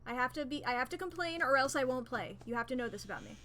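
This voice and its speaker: A woman's voice: high-pitched, expressive, fast, sharp tone, slight background noise. A woman doing live commentary on a horror game as a streamer, complaining and swearing freely as she plays. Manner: profane, complaining, ranting.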